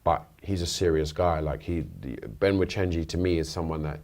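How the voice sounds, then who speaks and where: Deep-voiced British man in interview. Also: steady tone, fairly quick, a little mellow. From United Kingdom. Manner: thoughtful, rambling with restarts. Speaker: interview guest, rapper. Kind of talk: casual interview chat. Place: radio studio.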